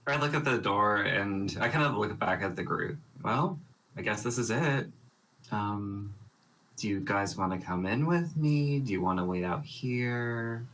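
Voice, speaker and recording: A man playing a tabletop role-playing game, describing his character's actions in a relaxed, casual way. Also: lowish voice, measured pace, slight background noise. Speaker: player.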